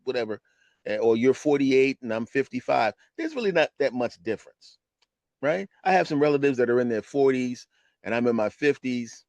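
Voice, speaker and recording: A man in his fifties, a retired comedian, telling a personal story on his podcast in an animated, conversational way. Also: medium pitch, normal speed, dry recording. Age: 50s. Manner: animated, conversational, keeps asking "right?". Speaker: podcast host.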